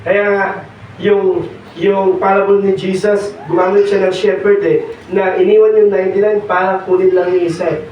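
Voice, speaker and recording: A hoarse young man preaching a sermon, mixing in English and pausing on fillers. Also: high-pitched, little pitch movement, a little mellow, slight background noise. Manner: mixes Tagalog and English, pauses with fillers. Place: church hall. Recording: echoey hall, distant dull mic.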